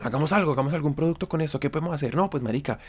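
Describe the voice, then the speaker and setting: A man's voice: fairly high pitch, very fast, breathy edge. A man with a Colombian accent telling stories casually in conversation, with slang, swearing and bits of acted-out dialogue. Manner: slangy, profane, acts out quoted dialogue. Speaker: interview guest.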